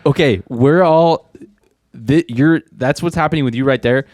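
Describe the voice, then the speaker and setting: A man's voice: medium pitch, moderate pace, darkish tone, no echo, clean studio sound. A man co-hosting a podcast in casual chat, chiming in with teasing remarks and his side of the story. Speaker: podcast co-host.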